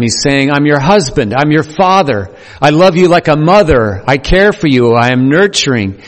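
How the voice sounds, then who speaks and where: A man preaching a sermon earnestly, with playful asides to the congregation. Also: medium pitch. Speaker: pastor. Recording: long hall reverb.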